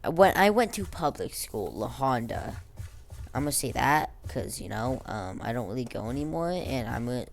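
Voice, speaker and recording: Over gameplay, a young girl tells her life story in an unscripted, slang-filled ramble as a vlogger, stuttering now and then and saying W for R because of a speech impediment. Her very deep voice is very animated at normal speed, with a little hiss or hum.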